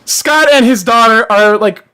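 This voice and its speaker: Young streamer on a swearing, shouting rant. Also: mid-range voice, moderate pace. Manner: profane, animated ranting, bursts into shouting. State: losing voice. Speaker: live streamer. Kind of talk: live-stream rant and chat reading.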